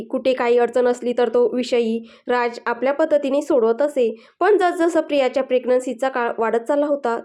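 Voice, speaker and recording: High-voiced woman narrating a story. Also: a little mellow.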